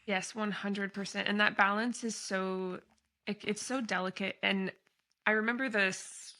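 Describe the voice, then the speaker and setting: A woman hosts a casual podcast, her voice bright and clear. She tells her stories in an animated, lively way, with plenty of fillers and easy laughter. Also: medium pitch, a little slow. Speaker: podcast host.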